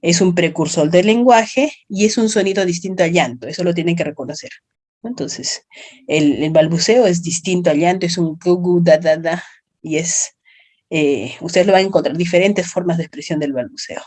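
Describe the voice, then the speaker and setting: A woman with a Peruvian accent and a fairly low, darkish voice lectures students in an online class at a moderate pace. She explains things step by step and checks their understanding with short tag questions.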